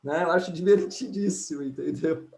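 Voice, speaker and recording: A man, an astrologer and numerologist, giving an animated live talk and often tagging his points with "né?". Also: on the high side, moderate pace, creaky. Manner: animated, keeps asking "né?", acts out quotes. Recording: echoey room.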